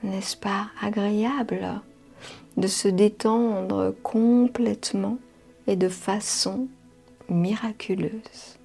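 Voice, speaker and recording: A woman leading a guided meditation in a soft, half-whispered voice, soothing, with drawn-out phrases and long pauses. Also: medium pitch, fairly even intonation, creaky, breathy edge. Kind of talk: slow guided hypnotic meditation. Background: music.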